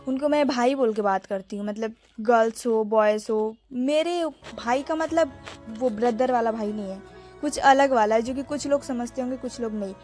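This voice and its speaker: A young woman narrates her own vlog in a relaxed, chatty way. She talks straight to her viewers and calls them friends. Her voice sits a little high, with faint music playing underneath. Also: normal speed. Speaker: vlogger.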